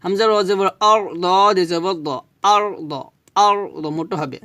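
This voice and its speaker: Man teaching recitation syllable by syllable; high, clear voice, dry close sound. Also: sharp tone, no room sound. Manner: spells syllables slowly, then recites drawn-out Arabic. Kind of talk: spelling out Arabic recitation lesson.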